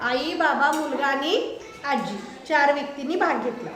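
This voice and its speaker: A woman's voice: sits high, unhurried, fairly bright tone. A woman schoolteacher giving a classroom lesson, asking her pupils check questions again and again. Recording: roomy echoey classroom.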